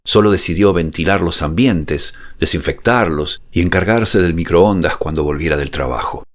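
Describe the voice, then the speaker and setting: A man narrating a scripted suspense horror story in a measured, dramatic way, speaking intimately close to the ear. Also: low voice. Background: music behind the voice.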